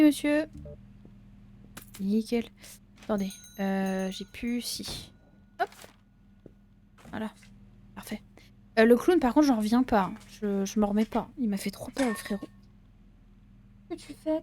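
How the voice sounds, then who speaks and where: Brief: woman gaming creator, casual horror-game commentary, playful and loose-mouthed, voice a touch high. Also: lively intonation, slow pace, long pauses, dark tone. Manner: chatty, jokey, talks back to game characters; casual swearing and slang. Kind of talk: let's-play commentary.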